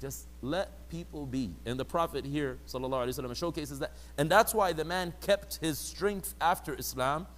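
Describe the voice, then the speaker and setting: A religious teacher gives a conversational lecture in a slightly high, a bit bright voice, speaking at normal speed with few pauses. Now and then he acts out people he quotes in a mocking voice.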